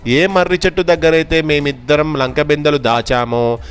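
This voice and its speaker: A man voicing a scheming male merchant who loudly accuses his friend, in a raised, insistent voice. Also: on the high side, steady tone, normal speed, clear, resonant tone, close to an everyday voice. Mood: accusing.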